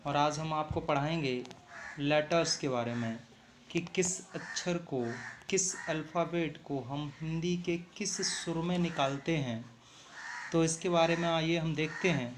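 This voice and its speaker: A man's voice: on the high side, noisy background. A man teaching an online phonics lesson, patiently repeating points, asking questions and answering them himself, and calling his students "beta". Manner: calls students "beta" fondly.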